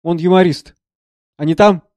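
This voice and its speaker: A man reading the part of a troubled, gentle elderly professor who speaks earnestly and with agitation. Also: high voice, steady tone, moderate pace, dry recording, natural voice.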